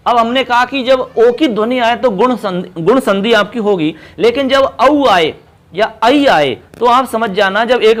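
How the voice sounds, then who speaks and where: A man's voice: high voice, a bit bright. A man teaching Sanskrit grammar for an exam, explaining step by step and repeating key terms as he addresses his students as children. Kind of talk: exam-prep lesson.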